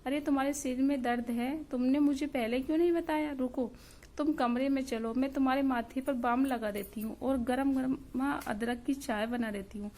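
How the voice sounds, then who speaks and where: A woman's voice: high voice, steady tone, normal speed, warm tone, natural voice. A woman narrator reading the fussing, caring lines of a loving young bride.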